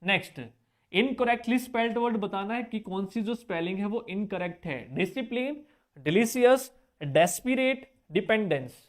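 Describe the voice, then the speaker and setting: A man teaching an exam-prep spelling lesson, who spells words out letter by letter, repeats the key points and coaxes his students with quick check-back questions. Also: high-pitched, animated.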